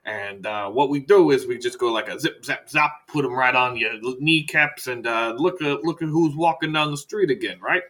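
A loud, crude back-alley doctor with a bright, ringing voice, joking as he pitches his wares, voiced by a man. He talks like a pushy salesman, cheerful and coarse. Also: moderate pace, hardly any pauses, lightly acted. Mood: salesy.

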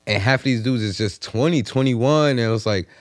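A man co-hosting a casual podcast, speaking in slang and haltingly circling his point. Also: mid-range voice, dry recording, clean studio sound. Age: 30s. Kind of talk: casual chat.

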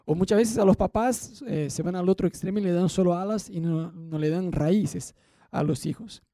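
High-voiced Rioplatense Spanish preacher, dark tone. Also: male voice, normal speed, dry recording, clean studio sound. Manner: conversational, asks the congregation questions. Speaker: pastor. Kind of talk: sermon.

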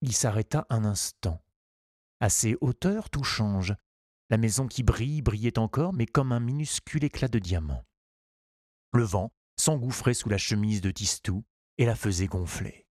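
A man reading a children's storybook aloud in a calm, measured and gently expressive way. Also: on the low side, no echo, studio quality. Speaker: audiobook narrator. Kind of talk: scripted storybook narration.

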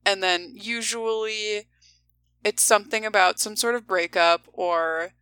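A woman's voice: medium pitch, steady tone, unhurried, pushed and bright, clear, resonant tone, rough recording. A woman co-hosting a podcast, chatting casually and ranting with strong opinions, swearing freely. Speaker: podcast co-host. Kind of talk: casual chat.

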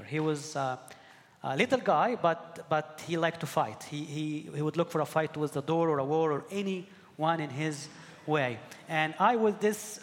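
Speaking with earnest conviction, a middle-aged pastor from Egypt gives a sermon, his slightly high voice retracing and repeating words while he gropes for the next thought. The sound echoes with long reverb, like a big church hall.

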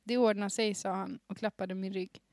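Holding in her laughter, a young woman reads a story she wrote as a teen for her podcast. Her medium-pitched voice is fairly even in intonation and a little mellow. The sound is dry and clean, recorded on a studio microphone with headphones.

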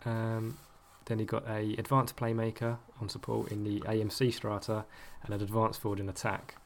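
Man, lowish voice, relaxed podcast co-host, hesitant delivery. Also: moderate pace, vocal fry, slight background noise. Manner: hesitant, lots of ums, laughs easily. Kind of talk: casual chat.

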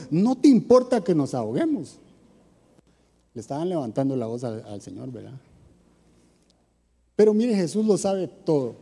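A man preaching in a relaxed, conversational way, with a somewhat raised pitch. His tone is very mellow and husky, and it rings with a long hall reverb. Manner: asks the audience rhetorical questions. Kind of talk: conversational sermon talk.

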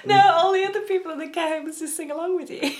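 A woman's voice: very high-pitched, quick pace. A woman co-hosting a casual comedy podcast, teasing and giggling often. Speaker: podcast co-host.

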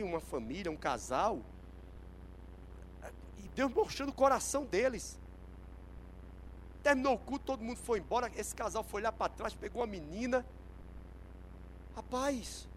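Fervent man preaching, high and animated. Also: slight background noise, low-quality recording. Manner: emphatic, swings from hushed to shouted exclamations. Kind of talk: sermon. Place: church service.

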